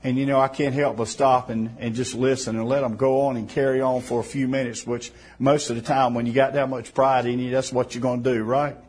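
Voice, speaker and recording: Husky guy preaching, fervent, gets loud then real soft, medium pitched. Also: little pitch movement, a little fast, hardly any pauses. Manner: fervent, rising to emphatic bursts then dropping soft. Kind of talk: sermon.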